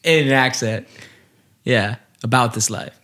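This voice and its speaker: A man's voice: mid-range voice, a little slow, pushed and bright. Male co-host, mid-range voice, slangy casual talk, eagerly prompting. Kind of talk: casual chat.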